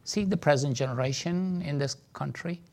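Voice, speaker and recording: A man's voice: on the high side, normal speed, gravelly, a little mellow. A man with a Pakistani accent teaching a seminar like a preacher, earnest and emphatic. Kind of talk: teaching seminar with sermon-like exhortation.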